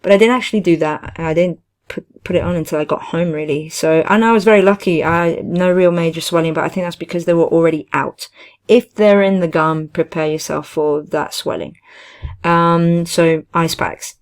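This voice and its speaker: A woman chatting casually and giving personal advice, in a hesitant, halting way with frequent self-corrections. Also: on the low side, fairly even intonation. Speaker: vlogger, teaching assistant.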